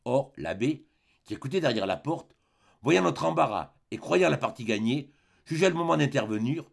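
A man narrating a literary audiobook in measured, deliberate phrases with pauses. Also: medium pitch, expressive, vocal fry. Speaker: audiobook reader.

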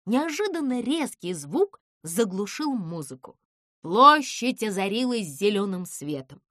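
A woman narrating a children's storybook with an expressive, animated reading. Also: medium pitch, unhurried, no echo, clean studio sound.

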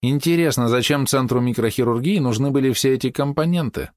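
A man's voice: medium pitch, a little fast, dry recording, studio quality, pitched above the performer's own voice, natural voice. A man putting on a bubbly teasing fox girl. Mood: curious.

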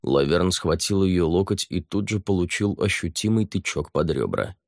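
Низкий хрипловатый мужчина-чтец. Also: male voice, low-pitched, animated, moderate pace, creaky, no echo, studio quality. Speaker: narrator. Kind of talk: audiobook narration.

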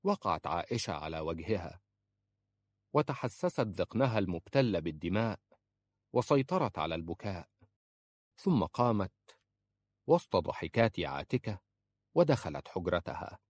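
A man narrating a novel as an audiobook in an expressive, dramatic way. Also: deep voice, moderate pace, pauses often, dry recording.

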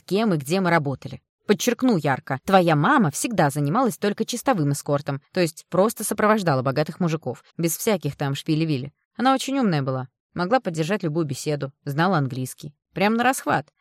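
A brash, boisterous woman around forty in an audiobook, as a woman reader puts her on. She speaks loud and blunt, pitching up to tease and push her point. The sound is close and dry. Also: lively intonation, a little fast, few pauses, no room sound. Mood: gossipy.

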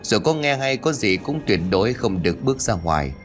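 A man's voice: fairly low pitch, sing-song, fairly quick, slight background noise. A man voicing a stern elderly male village exorcist who speaks in grave, commanding tones.

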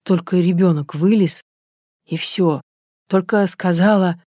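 Reader doing a scared young guy, shaky and a bit hoarse, audiobook voice, dry close sound. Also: mid-range voice, a little slow, warm tone, dry recording, lightly acted. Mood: frightened. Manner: shaken, hoarse. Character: frightened young man, panicky.

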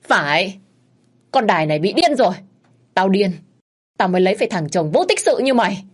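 A woman voicing a sharp-tongued young wife who curses in a shrill, sour voice. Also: animated, fairly quick, breathy edge. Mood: furious scolding. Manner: scolding, cursing loudly.

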